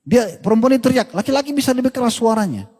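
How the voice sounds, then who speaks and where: A man giving a conversational, animated sermon about marriage and conduct. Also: very high voice, quick pace. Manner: animated, conversational preaching to men and wives. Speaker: preacher. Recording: hall reverb, husky.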